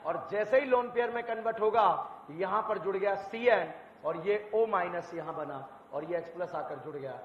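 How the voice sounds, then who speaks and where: Loud, high-pitched male chemistry teacher quizzing. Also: normal speed, slight background noise. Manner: quizzing students, repeating answers with call-and-response; bursts of loud shouted emphasis. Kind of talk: exam-prep lecture. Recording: echoey hall, muffled lo-fi sound.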